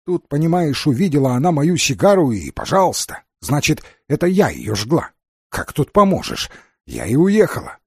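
A coarse, domineering villainess who smokes cigars barks orders and wheedles in turn, as a man reading the story puts her on. Her voice sits high and pushy with a husky edge. It is recorded dry and close. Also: huge pitch swings, moderate pace, dry recording, full character voice. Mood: bossy. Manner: brusque, domineering, mock-coaxing. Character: coarse bossy older woman, cigar-smoking villainess.

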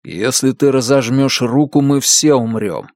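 Guy doing a calm steady cop, firm and reassuring, dry sound. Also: mid-range voice, a little slow, no echo, close to an everyday voice. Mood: steady urgent. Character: calm, steady male police detective.

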